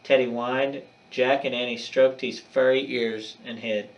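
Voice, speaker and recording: A man's voice: mid-range voice, measured pace, distant mic, dull audio. Male teacher reading a storybook aloud. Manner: expressive, dramatic storytelling. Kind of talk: reading a chapter book aloud.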